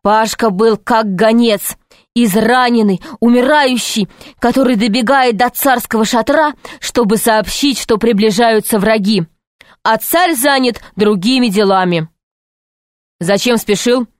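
A woman reading a children's adventure book aloud in measured, clear narration. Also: on the high side, no echo, studio quality. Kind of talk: scripted audiobook narration.

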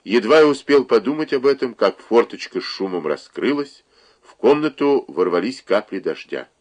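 A man narrating a literary novel in a measured, expressive reading voice. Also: mid-range voice. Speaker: audiobook narrator.

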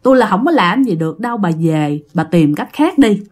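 A woman voicing a male sorcerer who gravely refuses to help, in a matter-of-fact, warning way. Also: medium pitch, very animated, brisk, a little mellow.

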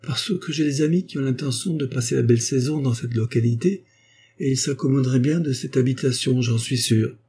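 A man's voice: medium pitch, fairly quick, dark tone, a little hiss or hum, pitched above the performer's own voice, natural voice. A man voicing a jovial, persuasive doctor in an audiobook, coaxing and breezy. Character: smooth scheming male doctor, jovial and persuasive.

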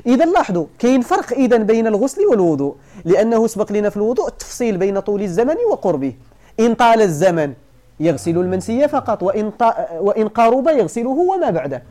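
A man's voice: high voice, sing-song, quick pace, mellow. A man with a Moroccan Arabic accent teaching a religious lesson, explaining a text line by line, repeating key points and asking his students whether they follow. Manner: repeats points and checks understanding with questions.

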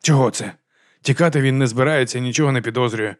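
A man gives voice to a composed male detective in a crime audiobook, curt and level. The voice is his plain mid-pitched reading tone, recorded dry and close. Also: fast, no room sound, close to an everyday voice. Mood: calm.

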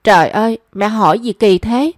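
A woman's voice: fairly high pitch, normal speed, no room sound, clean studio sound, natural voice. A woman reading a young man's lines in a story, his speech pleading and self-reproaching. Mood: rueful. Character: lovesick young man, pleading and rueful.

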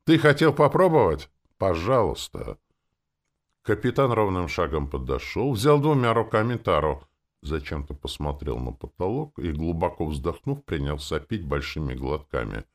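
A man narrating a first-person fantasy audiobook in a wry, expressive way. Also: rumbling low, moderate pace.

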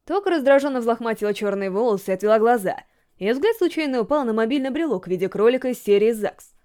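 High, expressive woman storyteller. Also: fast. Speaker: audiobook reader. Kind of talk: storybook narration.

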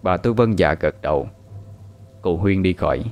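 A man narrating a story in a calm, measured scripted reading. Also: low-pitched, gravelly.

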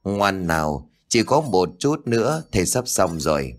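A murderous old witch-woman, as a deep-voiced male narrator puts her on, cold and threatening, her words swinging widely in pitch. She coaxes with false sweetness and curses with hatred in a dark audiobook tale. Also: very animated, unhurried, heavily acted. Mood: coaxing menace. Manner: menacing, cajoling then wrathful. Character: cruel old female sorcerer, murderous and cold. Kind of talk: audiobook character voice.

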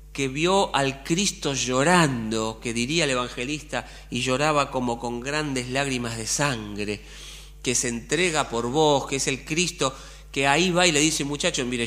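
A man's voice: medium pitch, a bit bright. A middle-aged man with an Argentine accent preaching a sermon as pastor, colloquial and full of rhetorical questions. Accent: Argentine Spanish.

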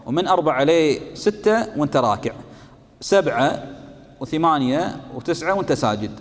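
A man's voice: on the high side, long reverb tail. A man who teaches jurisprudence, reading lines from a text and then explaining them in colloquial speech, often asking a question and answering it himself. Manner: asks and answers his own questions. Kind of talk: explaining a fiqh text to students.

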